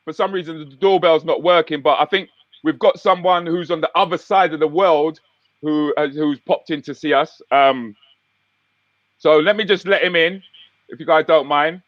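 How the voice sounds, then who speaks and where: Guy w hosting casual chat show, highish voice, dull call audio. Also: moderate pace, dry recording. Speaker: talk show host.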